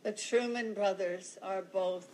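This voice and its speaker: A woman playing a slow cryptic mystic. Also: medium pitch, fairly even intonation, a little mellow, close to an everyday voice, rough recording.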